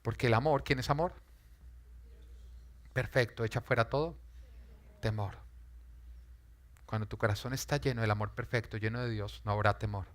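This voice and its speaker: A man's voice: medium pitch, fairly even intonation, moderate pace, pauses often. A male pastor delivering an emphatic, dramatic sermon, acting out scenes as he preaches. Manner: emphatic, dramatic, rises and falls in intensity.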